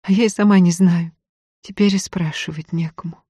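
A woman's voice: on the low side, steady tone, normal speed, warm tone, husky, no echo, clean studio sound. A woman voicing a tearful, self-blaming young peasant woman who talks in plaintive, folksy village speech. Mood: sad, pleading.

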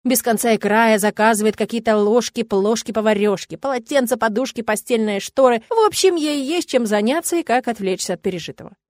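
A woman narrating a romance audiobook in the first person, in an even, measured storytelling manner. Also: fairly high pitch, no room sound, clean studio sound.

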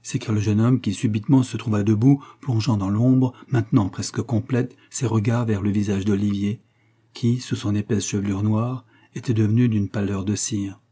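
A man narrating a novel as an audiobook reader, in a measured, literary reading style. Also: lowish voice, steady tone, dark tone, slightly rough.

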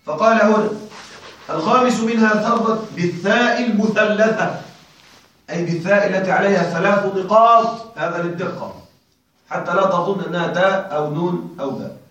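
A man teaching a classroom lesson, questioning his listeners often and slowing down to spell out word forms. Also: high voice, fairly bright tone, very echoey, far from the mic, muffled recording. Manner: checks on listeners with frequent questions; slow and deliberate when spelling out word forms. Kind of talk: classroom lecture on Arabic grammar.

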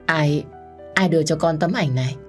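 A woman's voice: low voice, normal speed, soft background music, natural voice. Woman doing an anxious middle-aged mother. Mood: shaken. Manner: sharp scolding, anxious.

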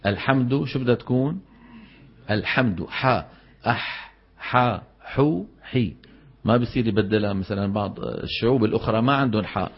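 Guy teaching tajweed, chats then draws out words in a chant, kinda muffled recording. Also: mid-range voice. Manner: explains in colloquial speech, then recites example words slowly and melodically. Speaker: Quran recitation teacher.

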